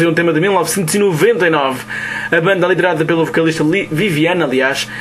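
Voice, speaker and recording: A man's voice: sits high, fairly bright tone, slight background noise. A man with a European Portuguese accent, announcing songs as a radio host with an upbeat delivery.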